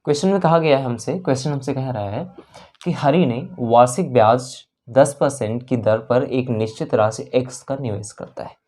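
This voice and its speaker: An Indian maths teacher walks through an exam problem step by step, speaking at a normal pace in a mid-range, slightly mellow voice. This exam-prep lesson features repeated phrases and figures, English terms mixed in, and regular check-ins.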